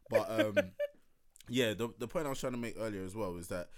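A man's voice: on the low side, fairly quick. A man, co-hosting a casual podcast chat, joking and laughing often. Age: 30s. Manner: jokey, laughs often, slangy. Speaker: podcast co-host.

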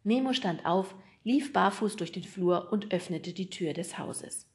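A woman reading a children's book aloud as an audiobook narrator, in a lively, expressive way. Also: mid-range voice, unhurried.

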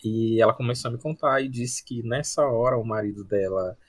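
Husky-voiced man telling a story. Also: mid-range voice, a little fast, no room sound. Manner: lively anecdotal storyteller. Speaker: podcast co-host. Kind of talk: casual podcast chat.

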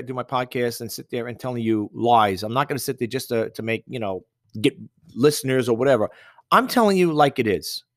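A man's voice: medium pitch, fairly bright tone, no echo, studio quality. A middle-aged man hosting a casual podcast, talking frankly and rambling with lots of restarts and repeated phrases. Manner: reads a letter aloud. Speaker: podcast host.

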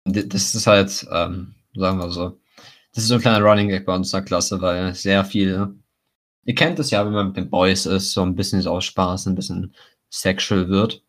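A young man with a low voice and a smoker's rasp chats casually on a podcast. He teases his co-host and drops English slang into loose, informal banter. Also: steady tone, moderate pace. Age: teenager or young adult. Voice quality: raspy, like a smoker's voice.

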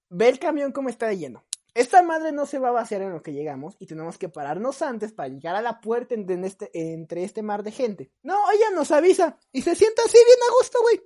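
A young adult woman with a Mexican Spanish accent, co-hosting a podcast and telling a story in casual chat, acting out her friends' lines. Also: medium pitch. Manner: animated, acts out friends' lines. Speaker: podcast co-host.

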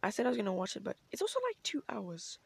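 A woman's voice: medium pitch, very animated, fast talker, gravelly, slightly rough. A young woman chatting casually as a solo podcast host in a bubbly, gushing, girlish way, peppering her talk with filler words.

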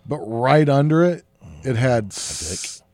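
A man's voice: medium pitch, expressive, slow, darkish tone, no room sound, clean studio sound. A tipsy man co-hosting a podcast with crude, boisterous joking. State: drinking, tipsy. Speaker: podcast co-host. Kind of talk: casual chat.

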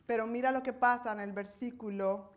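A woman's voice: on the high side, fairly even intonation, fairly quick. A woman preaching a sermon in a conversational way, checking in with her listeners and pressing her points with emphasis.

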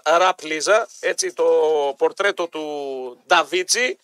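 A man in his fifties hosting a radio show, bantering jokily with a guest and reading ads in a quick, playful way. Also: fairly high pitch, animated, bright, forceful tone, clean tone, no echo. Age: 50s. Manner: fast, teasing, playful.

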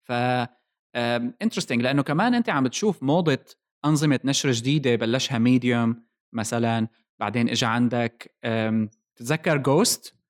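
A podcast host with a Levantine Arabic accent talks fairly quickly in a medium-pitched voice. He leads a casual tech discussion, explaining things and dropping in English technical terms.

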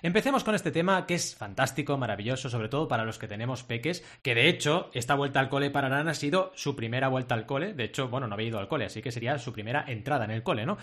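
A man hosting a podcast from Spain, chatting casually and telling anecdotes in an animated way. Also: medium pitch, racing, hardly any pauses. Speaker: podcast host. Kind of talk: casual podcast monologue and chat.

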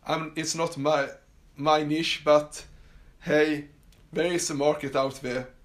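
A fairly high-pitched man speaks slowly in a level tone. He's a Swedish podcast host with a Swedish accent, recording a casual solo show at his summer house, full of fillers and restarts.

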